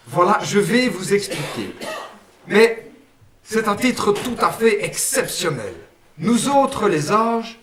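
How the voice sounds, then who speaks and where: A man's voice: high-pitched, a bit bright. A man doing a homely guardian angel from Brussels. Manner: homely, with "une fois" and "hein". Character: friendly male guardian angel with a Brussels accent. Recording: roomy sound, mic at a distance.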